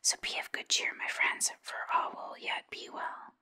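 A woman's voice: unhurried, bright, forceful tone. Woman whispering as a cowardly storybook lion. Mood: boastful. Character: cowardly male lion putting on grand airs.

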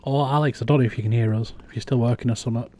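A man's voice: mid-range voice, fairly even intonation, racing, darkish tone. A young man chatting casually while playing a game on a live stream, muttering to himself as he goes.

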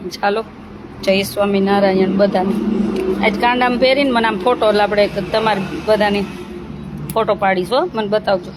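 A woman's voice: mid-range voice, steady tone, moderate pace. A woman, chatting in a motherly, teasing way as an ashram caretaker. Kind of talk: casual chat with girls and viewers. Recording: noisy outdoor recording with traffic.

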